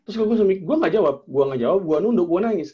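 With a high, slightly rough voice at a racing pace, a young man tells a personal story in casual chat, acting out dialogue and using lots of slang and fillers. He's animated, and the audio has phone-quality sound.

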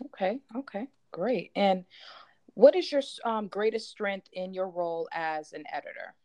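A woman interviewer asking formal questions in a polite, somewhat halting way. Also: mid-range voice, warm tone, no room sound.

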